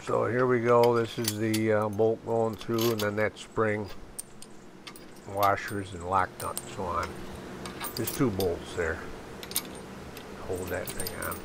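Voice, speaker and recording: Slow, lowish, and creaky, with long pauses, an older American man narrates a video showing machine assembly. His plain, hesitant delivery is full of fillers, and the outdoor setting adds steady background noise.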